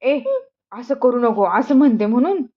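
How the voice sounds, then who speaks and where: High-voiced mother coaxing her child. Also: moderate pace, lo-fi sound. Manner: coaxing, questioning, speaks gently to a child. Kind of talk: casual family vlog chat.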